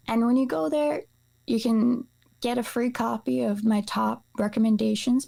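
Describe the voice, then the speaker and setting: Her fairly high, creaky voice has a dark tone. This Icelandic nutrition practitioner talks as a guest in an interview, explaining things in a casual, conversational way.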